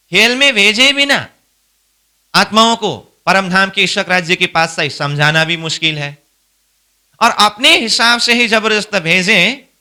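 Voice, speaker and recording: Bright, high-voiced male spiritual teacher. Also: clean tone. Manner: explains by posing and answering his own questions. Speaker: spiritual instructor. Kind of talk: devotional scripture teaching.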